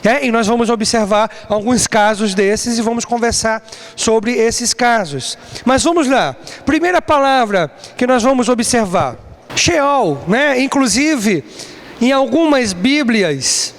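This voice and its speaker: A man teaching a Bible class as a lecture, who asks his students questions and answers them himself. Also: very high voice. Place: church classroom. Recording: long reverb, faint background noise.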